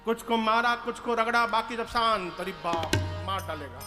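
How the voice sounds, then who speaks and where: A religious storyteller with a high voice recounts a devotional epic at normal speed, dramatically acting out each character. He is recorded in a reverberant hall with faint music behind him.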